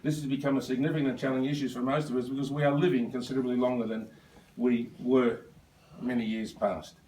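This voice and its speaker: A man's voice: mid-range voice, level tone, quick pace, mellow, a little hiss or hum. A man, giving an anecdotal speech at his birthday lunch. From Australia. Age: 70s. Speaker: birthday speaker. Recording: echoey room, voice from far off.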